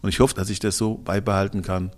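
A man's voice: low voice, flat delivery, fast. A man in his sixties, a guest in a casual interview, talking in a blunt, colloquial and emphatic way with some crude slang. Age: 60s.

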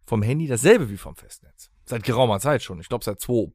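Lively-voiced man joking around. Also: medium pitch, fairly quick, no room sound, clean studio sound. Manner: jokey, rambling, puts on silly voices. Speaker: podcast co-host. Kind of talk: casual banter.

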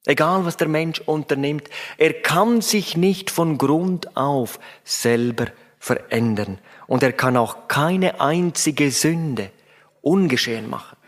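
A man's voice: a little high, slow. A man preaching a sermon in an emphatic way, addressing his listeners directly.

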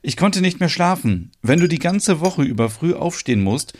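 A man's voice: a little high, big pitch swings, normal speed, slight background noise, pitched above the performer's own voice. Finn, an easygoing young baker, read by a man. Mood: friendly. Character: friendly young baker, eager to please.

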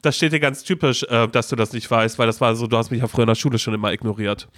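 A man's voice: mid-range voice, steady tone, rapid-fire, fairly bright tone, no echo, clean studio sound, close to an everyday voice. A man voicing a resentful former classmate who now works as a security guard, speaking bitterly and reproachfully.

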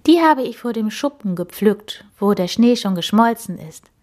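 A woman voicing a cheerful, inventive female wild boar tinkerer in a storybook reading, with a high, excited voice. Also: normal speed, close to an everyday voice.

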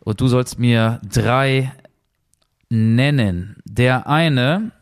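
A man co-hosting a relaxed football podcast. He answers quiz clues with brief guesses of player names, then sets his own question in an easy, conversational way. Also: mid-range voice, very slow, dry recording, clean studio sound. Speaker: podcast co-host. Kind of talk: casual football quiz chat.

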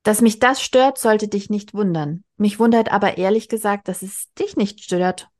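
A woman's voice: mid-range voice, normal speed, a little mellow, close to an everyday voice. A woman reading as an earnest middle-aged mother. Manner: earnest, dry.

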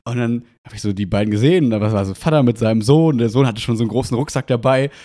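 A man hosting a casual podcast chat, telling a story with energy. His voice sits in an ordinary middle pitch. He acts out what others said as he goes. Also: fast talker. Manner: animated anecdote telling, acting out quoted dialogue. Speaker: podcast host.

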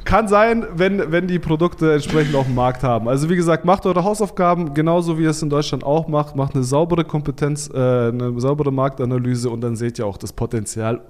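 A man talking as a podcast guest about online selling. He gives blunt, informal advice in a casual chatty way, stumbling into restarts and fillers as he thinks aloud. His voice sits at a medium pitch. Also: a little fast, few pauses, darkish tone. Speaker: podcast guest, Amazon seller consultant. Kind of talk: casual expert interview talk.

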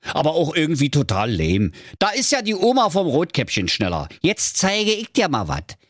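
A man's voice: on the high side, huge pitch swings, normal speed, no room sound, clean studio sound, voice pushed up. Man doing a cheeky little web designer. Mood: cocky. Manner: cheeky, know-it-all.

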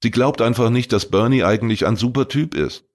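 A man's voice: mid-range voice, fairly quick, voice pushed up, natural voice. A man reading a crime story voices a teenage boy who pleads and eagerly justifies himself. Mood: defensive. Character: teenage boy, defensive and talkative.

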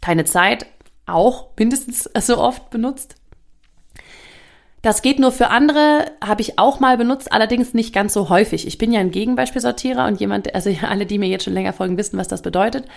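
A woman with a gravelly, creaky edge to her mid-pitched voice talks through a casual motivational monologue. She is a coach speaking directly to her listeners, relaxed and conversational. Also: fast talker. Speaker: coach and podcaster.

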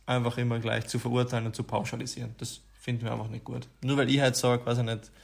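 Flat, gravelly man. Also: medium pitch, quick pace. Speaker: podcast co-host. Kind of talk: casual podcast chat.

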